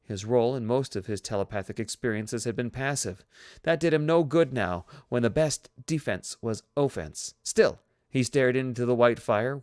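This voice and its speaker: A male narrator reading a novel aloud at a steady pace, with the odd joking aside about his own performance. His voice sits at an ordinary middle pitch and is recorded dry, with no room echo around it. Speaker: audiobook narrator.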